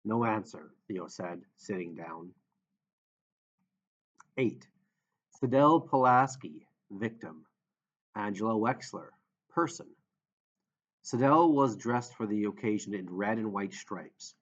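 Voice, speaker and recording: A man reading an audiobook in a steady, measured narration. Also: lowish voice. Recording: dull lo-fi audio.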